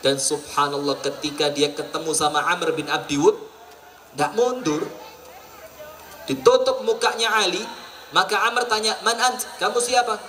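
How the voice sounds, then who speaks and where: East Javanese male preacher, high and bright, animated storytelling sermon, mic a bit distant, light crowd ambience. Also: measured pace, long pauses, slight background noise. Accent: East Javanese Indonesian. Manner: lively storyteller acting out characters, mixing in local slang and Arabic. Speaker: Islamic preacher. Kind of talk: storytelling sermon at a public event. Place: outdoor food festival stage.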